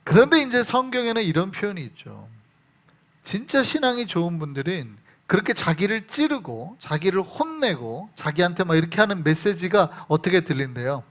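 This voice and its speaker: High, animated male preacher. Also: normal speed. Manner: asks the congregation questions. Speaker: pastor. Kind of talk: sermon. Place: church.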